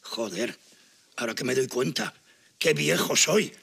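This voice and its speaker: A gravelly sarcastic old husband. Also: male voice, medium pitch, lively intonation, unhurried, fairly bright tone, heavily acted. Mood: wry. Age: older. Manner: sarcastic, talks to camera. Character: grumbling older husband, sarcastic and fussy. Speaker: sitcom husband. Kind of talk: sitcom acting.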